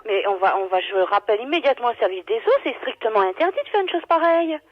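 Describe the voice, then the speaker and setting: A woman's voice: fairly high pitch, animated, fast talker, no echo. A woman dentist talking over a landline phone, protesting indignantly to a caller. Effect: heard over a landline phone. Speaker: dentist taking a prank call. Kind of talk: unscripted phone conversation. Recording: dull, muffled phone line.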